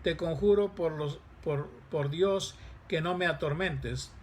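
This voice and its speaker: A man voicing an unclean spirit crying out in fear, with a loud, pleading outcry. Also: a little high, slow, slight background noise. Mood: fearful.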